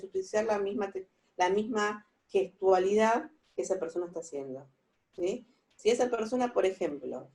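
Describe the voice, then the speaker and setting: A woman with an Argentine Spanish accent giving a forensic psychology lecture over a video call, talking haltingly with many fillers and asking her listeners "¿sí?" again and again. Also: mid-range voice, mellow.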